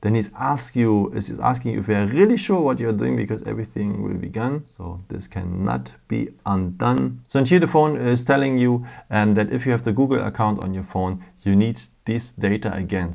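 A man's voice: fairly low pitch, moderate pace, creaky, hardly any pauses, a little mellow. A man hosting a casual step-by-step phone tutorial, patient, with frequent fillers and non-native phrasing, recorded indoors at a table. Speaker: tech tutorial host.

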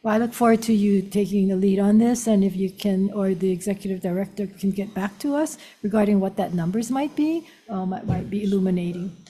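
Older woman chairing a hearing, mellow voice. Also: medium pitch, husky. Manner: measured, formal questioning. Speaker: committee chair. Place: hearing room. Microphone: desk microphone.

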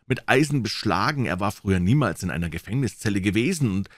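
A man with a very low voice reads a crime story aloud. His delivery is expressive and rises and falls widely, and the sound is close and dry. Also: fast talker, dry recording. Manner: dramatic, expressive reading. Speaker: audiobook reader. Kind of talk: scripted narration of a classic crime story.

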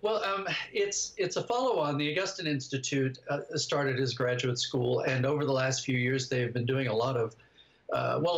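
Speaking from a home study over video call, this older guest writer and director answers interview questions thoughtfully. His medium-pitched voice is gravelly yet fairly bright, and the audio comes through dull.

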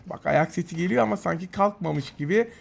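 A man commentating his own mobile shooter match, excitable and taunting his opponents, with bursts of yelling. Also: high voice, fairly quick, creaky, background noise. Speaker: mobile game YouTuber. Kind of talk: gameplay commentary.

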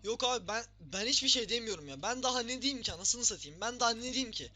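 Shrill, yelling football-game commentator man. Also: expressive, fast, music in the background. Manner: shouts, groans and swears at the game. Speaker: gaming video host.

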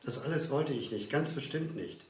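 A man voicing a desperate young woman who stammers and pleads, his words halting and repeated. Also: mid-range voice, animated, a little mellow, far from the mic, voice pushed up, close to an everyday voice. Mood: pleading. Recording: roomy echo.

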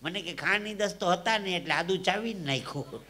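A man tells jokes and stories live on stage into a stage mic, in a high, strikingly bright voice. His delivery drops to hushed asides and then rises to loud punchlines. A faint noise sits under the voice. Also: a little fast. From Saurashtra, Gujarat. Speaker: stage comedian and storyteller. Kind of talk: live folk comedy storytelling.

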